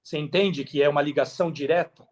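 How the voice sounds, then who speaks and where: Fast-talking and a little mellow, with a slightly high voice, a Brazilian man tells his story on a podcast. He's candid and chatty, peppering what he says with slang and tag questions.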